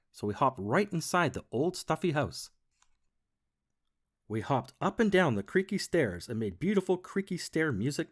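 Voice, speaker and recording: A man reading a children's storybook aloud as the first-person bunny narrator, playful and expressive. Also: fairly high pitch.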